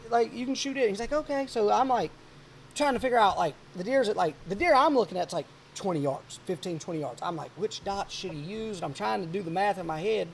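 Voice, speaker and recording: A man around forty hosting a podcast, telling a hunting story in a rambling, animated way. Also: high-pitched, fairly quick, vocal fry, slight background noise. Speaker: podcast host. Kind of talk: casual chat.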